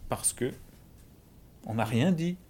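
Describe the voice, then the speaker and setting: Belgian man, mid-pitched, measured teaching tone, plain everyday examples. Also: animated, dark tone, breathy edge. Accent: Belgian French. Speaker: Bible discussion speaker. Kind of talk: conversational Bible teaching.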